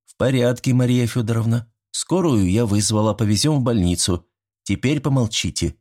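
A man voicing a strict, brisk young village medic woman who scolds in a stern way. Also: mid-range voice, expressive, darkish tone, husky, voice pushed up.

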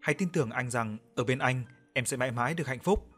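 A man voicing a young male lover who speaks softly and warmly. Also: fast talker, soft background music, lightly acted. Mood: tender. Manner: soft, low, tender.

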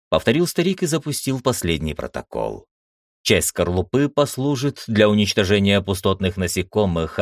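A man narrates a fantasy audiobook in a deep, low voice. His delivery is expressive, with pitch that rises and falls freely through each sentence. The sound is close and dry, with no room echo.

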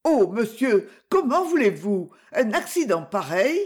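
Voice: mid-range voice, sing-song, unhurried, husky, pitched above the performer's own voice. A reader voicing an uneasy woman shopkeeper, a former maid, who answers questions anxiously in an audiobook. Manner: anxious, pleading.

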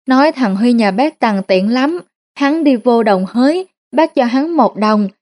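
A woman reading a first-person story aloud in a steady, plain narrating tone. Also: on the high side.

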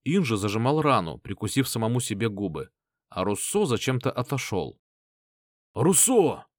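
A man narrating an audiobook in a scripted, steady manner. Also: fairly low pitch, a little fast, no room sound, clean studio sound.

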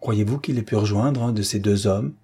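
A man voicing a gentle young female nurse who speaks softly and asks after her wounded soldiers. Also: fairly low pitch, normal speed, breathy edge. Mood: emotional. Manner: soft, gentle, caring questions.

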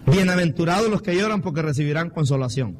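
A middle-aged man preaches a fervent sermon, his fairly high voice climbing to emphatic peaks. Steady background noise and passing traffic run under the recording. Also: fast. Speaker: pastor.

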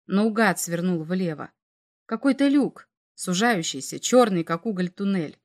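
A woman reading science fiction aloud as an audiobook narrator, measured and dramatic. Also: fairly low pitch, expressive.

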